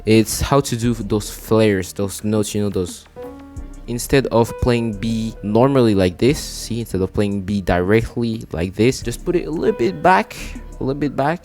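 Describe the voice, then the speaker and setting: A man talking viewers through a beat-making tutorial in a relaxed, chatty way, calling them bro. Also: fairly low pitch. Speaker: music producer teaching a tutorial. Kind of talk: casual screen-recorded tutorial.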